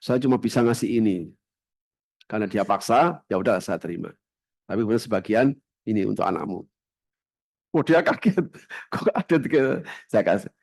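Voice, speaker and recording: A middle-aged man with a Javanese accent preaching a sermon in a mosque and telling stories, swinging between loud outbursts and hushed asides. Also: lowish voice, moderate pace, long pauses, dry recording. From Java. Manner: storytelling with animated shifts between loud and hushed.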